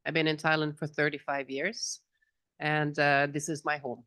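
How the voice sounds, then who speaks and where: A middle-aged woman from Norway, speaking informally on a conference panel about her business group, relaxed and chatty. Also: low voice, brisk, smooth, no room sound, clean studio sound. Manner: relaxed, chatty, with small laughs and restarts. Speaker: business association representative and panelist. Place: conference hall, on stage. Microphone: handheld microphone.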